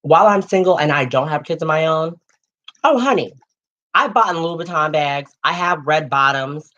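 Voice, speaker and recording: A man's voice: fairly high pitch, normal speed, pushed and bright. A man in his late twenties co-hosting a casual chat, sassy and dramatic, calling listeners girl and honey. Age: late 20s. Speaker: co-host. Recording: dull lo-fi sound.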